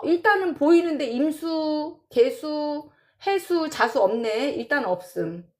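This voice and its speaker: This woman, a saju teacher, has a medium-pitched voice that's gravelly and a little mellow. Teaching in a relaxed lecture manner, she stretches out terms and says them again as she counts and writes.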